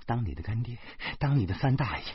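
Shrill, scolding wife bursting out in stammering outbursts, as a male audiobook reader puts her on, her pitch leaping wildly from low mutters to high cries. The voice sounds slightly husky, and the dull, dry recording is lo-fi with no room sound. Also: sing-song, quick pace, no echo. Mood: furious. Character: furious nagging wife, middle-aged woman.

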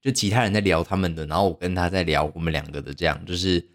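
Speaking fast in a low voice, a young man hosts a podcast and casually tells a story. It's a rambling, self-mocking telling packed with filler words.

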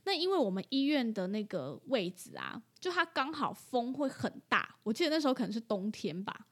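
A woman's voice: fairly high pitch, big pitch swings, brisk, breathy edge. A woman who works at an animal hospital, telling a story in a casual chat and laughing often.

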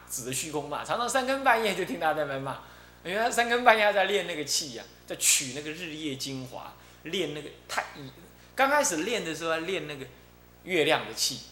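A man's voice: fairly high pitch, very animated, fast, bright, forceful tone. A male abbot from Taiwan, telling a story in a Buddhist dharma talk and acting out its characters. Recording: echoey room, faint hum.

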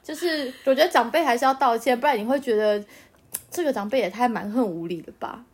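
Woman podcast host, high pitch, giggly storyteller in a casual chat. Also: fast, breathy edge. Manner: laughs often while telling family stories.

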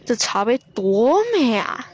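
A woman voicing a proud, boastful young male scholar in a children's storybook reading, slow and high. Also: expressive, breathy edge, dull audio. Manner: boastful, showing off.

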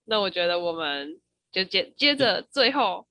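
Bright, lively woman storyteller. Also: mid-range voice, measured pace, no room sound, clean studio sound. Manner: lively storyteller, laughs often. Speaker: podcast co-host. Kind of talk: casual chat.

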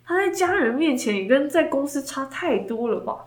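A woman's voice: sits high, normal speed, echoey room. A woman, co-hosting a casual chat and acting out her own stories. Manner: animated storytelling, acts out her own quoted lines. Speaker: podcast co-host.

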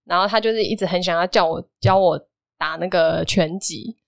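A woman's voice: fairly low pitch, brisk, gravelly, no echo, clean studio sound. A woman, casually recounting a personal story on a podcast and acting out the dialogue. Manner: lively storytelling, animated retelling of dialogue. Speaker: guest telling a personal story.

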